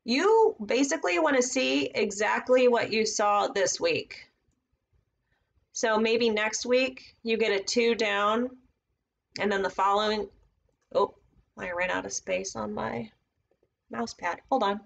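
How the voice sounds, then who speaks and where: A woman's voice: fairly high pitch, slow pace, creaky, pauses often, muffled recording. A woman casually teaching trading setups on a live stream, thinking aloud as she marks up charts at her computer. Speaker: trading educator.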